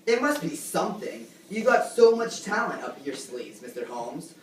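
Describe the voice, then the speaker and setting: A teenage girl, low-voiced and sing-song at a moderate pace, plays a showy talk-show host who gushes and fawns over her guests in an amateur skit. The recording sounds like an echoey room with a distant mic and faint noise.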